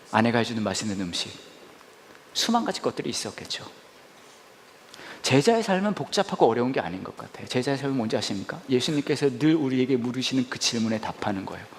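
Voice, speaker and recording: Animated male pastor preaching. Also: mid-range voice, a little hiss or hum. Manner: animated, laughing, acts out dialogue. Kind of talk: sermon with storytelling. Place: church service.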